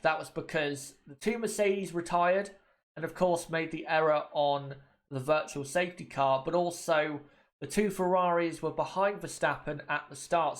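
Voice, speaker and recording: A man from the United Kingdom with a bit of a cold hosts a livestream, chatting casually to viewers in a watchalong and often repeating his points. His voice is a little high with a fairly bright tone.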